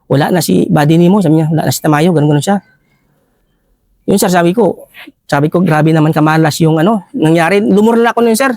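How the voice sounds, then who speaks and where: A man with a Filipino accent recounting a war story in an interview, halting and repeatedly addressing the listener as sir. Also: fairly high pitch, a little mellow, no echo. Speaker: retired army ranger scout.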